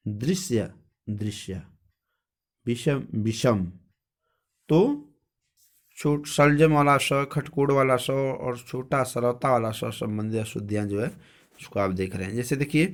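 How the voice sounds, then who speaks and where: Man teaching grammar, asks and answers himself. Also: mid-range voice. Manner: repeats each word slowly and carefully. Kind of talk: grammar lesson.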